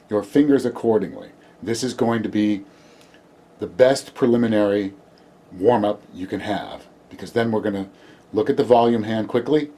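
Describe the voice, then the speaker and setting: Husky low-voiced man teaching theremin. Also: mellow. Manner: patient, step-by-step instruction, sings rhythms as syllables. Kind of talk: video music lesson.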